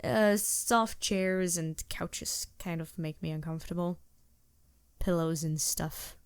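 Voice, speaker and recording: In a fantasy audio drama spoken to the listener, a woman plays a nervous, courteous vampire pretending to be a traveling merchant, hesitating, stammering a little and apologizing politely. Her voice is on the low side, steady, slow, clear and resonant, with no room sound. The mood is grateful and polite.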